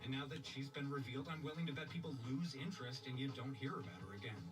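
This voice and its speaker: A man's voice: medium pitch, fast. A man narrating an opinion commentary video. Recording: slightly distant, music underneath.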